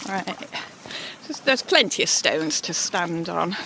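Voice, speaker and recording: A woman's voice: on the low side, expressive, slow, creaky, background noise. A woman vlogging on her own as she walks a wet mountain path, chatty and self-deprecating, laughing often. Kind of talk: casual solo hiking vlog.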